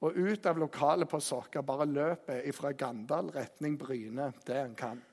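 A man preaching a sermon with passion, his voice swinging from loud emphasis to hushed tones, recorded from a distance in a large hall. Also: a little high. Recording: distant echoey hall sound.

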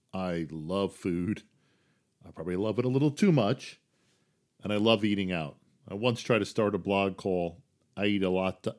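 Chatty and quick to poke fun at himself, a middle-aged podcast host with a New Jersey accent runs a relaxed solo show, alternating loud emphasis with hushed asides. He has a low voice.

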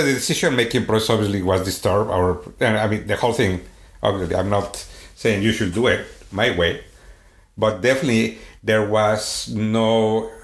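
In a casual conversation, a man with a Swedish accent and a somewhat low voice searches for words, halting often with fillers and restarts. He speaks in an unhurried, conversational way, and the room around him adds a noticeable echo.

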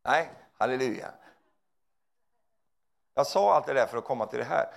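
Gravelly, animated male preacher. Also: medium pitch. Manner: animated, joking, tags lines with "va?". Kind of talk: sermon.

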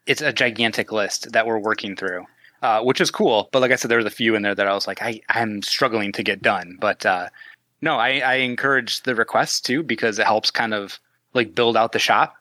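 A man's voice: on the low side, fairly even intonation, moderate pace, sharp tone, dry recording. A Canadian man talking as a guest on a podcast, joking and chatty, often restarting his sentences. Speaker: guest, maker of 3D-printed retro decor. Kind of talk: casual podcast chat.

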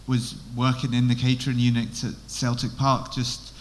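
A man with a medium-pitched voice speaks at a moderate pace as a guest on a live podcast panel at an event venue. He isn't originally from Scotland, and his flat delivery is hesitant, full of restarts.

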